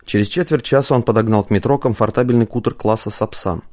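A man narrating an audiobook in a steady, measured reading style. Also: mid-range voice.

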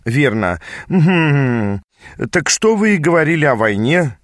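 A man's voice: fairly high pitch, big pitch swings, slow, no echo, studio quality, voice pushed up. A man voicing a polite, hesitant young male apprentice magician in an audiobook reading. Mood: earnest.

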